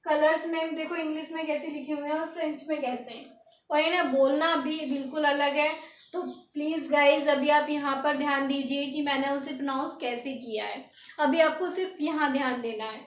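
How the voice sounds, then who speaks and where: With a high, steady voice at a moderate pace, a French teacher spells words letter by letter for beginners and asks them to echo her. The recording is from an echoey room and carries a little hiss or hum.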